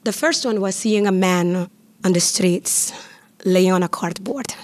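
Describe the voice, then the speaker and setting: Telling a personal story in an interview, this woman from Curaçao, whose first language is Papiamentu, comes across as lively and chatty, laughing often. Her voice sits on the low side and she speaks at an unhurried pace.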